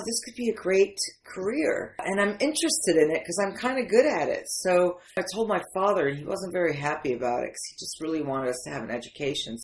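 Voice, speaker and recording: A low-sitting woman's voice, with a little hiss or hum in the recording. The speaker, in her fifties, is a memoir writer from Syria who later lived in the Detroit area; she has an American accent, English isn't her first language, and she shares personal stories candidly and emphatically as an interview guest.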